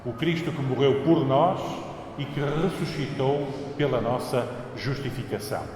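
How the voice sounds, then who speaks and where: A man's voice: mid-range voice, a little slow. A pastor with a European Portuguese accent preaching an earnest, emphatic sermon, his voice ringing with a cathedral echo. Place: large church. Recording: echoey church hall, faint ambience.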